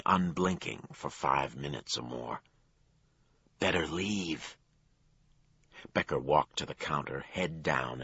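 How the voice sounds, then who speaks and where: A man narrating a crime thriller audiobook in a measured storytelling voice. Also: sharp tone, slightly rough, no room sound, dull audio. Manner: low, measured storytelling with acted dialogue.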